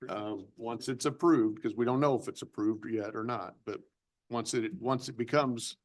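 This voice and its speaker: A man's voice: mid-range voice, moderate pace. Guy running the council meeting, mid voice, rambly casual explanations. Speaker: council presiding officer. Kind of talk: chairing a meeting. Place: council chamber.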